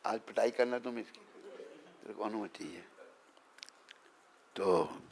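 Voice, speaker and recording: Swami, male, low gravelly voice, chatty, teasing, informal talk with devotees. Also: slow pace, a little mellow. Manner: teasing, chatty, keeps asking the listeners if he is right. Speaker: swami giving a morning talk.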